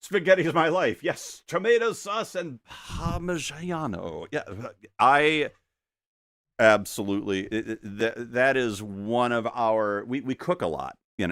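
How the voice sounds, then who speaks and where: A low, slightly bright voice, clear and resonant with no echo, belongs to a middle-aged man painting on a live stream. Seated at a desk microphone in a home studio, he chats loosely, cutting himself off, stammering restarts and chuckling frequently.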